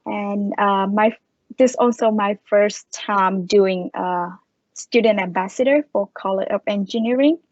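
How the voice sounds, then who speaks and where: A woman's voice: mid-range voice, unhurried, no echo. Young woman, plain slightly broken English, dry close sound, dull audio. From Vietnam. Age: young adult. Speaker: engineering student ambassador. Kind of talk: self-introduction on a panel.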